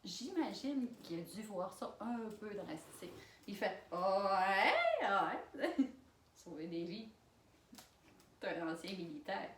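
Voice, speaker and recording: Une jeune femme à l'accent québécois qui raconte une anecdote en vlog, de façon animée, avec des rires et des exclamations fortes. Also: female voice, mid-range voice, unhurried, long pauses, slight background noise. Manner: animated, laughing storytelling with loud exclamations. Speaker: vlogger. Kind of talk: storytime vlog. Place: alone in a room. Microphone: camera mic. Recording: roomy sound from a distant mic.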